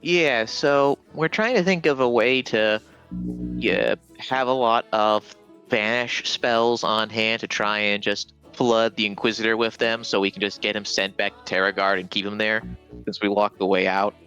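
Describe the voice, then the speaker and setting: A man playing in a casual tabletop game, answering in short, relaxed replies. His voice is low-pitched, bright and very clear. The mic sounds dull and lo-fi, with faint music behind him. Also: moderate pace. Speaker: player.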